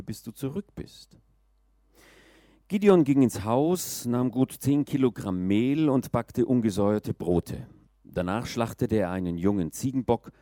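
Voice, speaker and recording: Calm man reading scripture. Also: mid-range voice, no echo, clean studio sound. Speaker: scripture reader.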